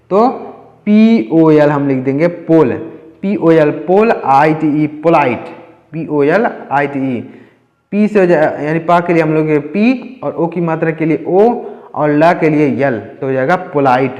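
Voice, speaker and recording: A man teaching English spelling to beginners, slowly and repetitively spelling out words letter by letter. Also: fairly high pitch, a little mellow, echoey room, big-room sound.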